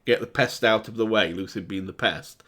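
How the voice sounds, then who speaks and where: A man's voice: lowish voice, fairly quick, a bit bright. Chatty man reacting to rap. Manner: chatty, breaks down lyrics with fillers and restarts. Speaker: reaction video host. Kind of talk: casual commentary reacting to music.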